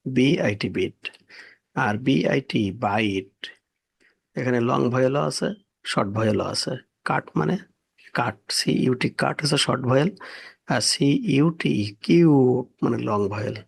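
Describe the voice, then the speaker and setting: A man's voice: mid-range voice, vocal fry, slightly rough. A man giving a spoken language lesson, spelling words out letter by letter and repeating each one carefully. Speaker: English teacher.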